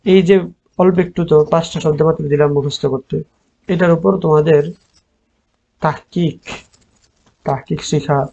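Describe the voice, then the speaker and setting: A man with a Bangladeshi Bengali accent teaching an online Arabic class, drilling word forms slowly and repeating them. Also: a little high, gravelly, warm tone, dull audio, slight background noise.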